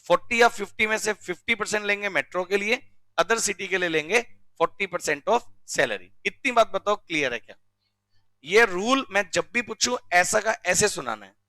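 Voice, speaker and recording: A male teacher from India giving a classroom lecture, drilling rules slowly and often checking with questions. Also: sits high, expressive, pushed and bright, dry recording. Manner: recites rules slowly word by word. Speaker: commerce teacher.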